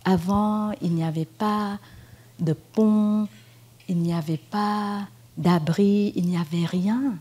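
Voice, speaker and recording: In a retreat's meditation hall, a Vietnamese Buddhist nun gives a gentle, unhurried dharma talk in French with a Vietnamese accent, pausing and using fillers. Her female voice is mid-range with a steady tone.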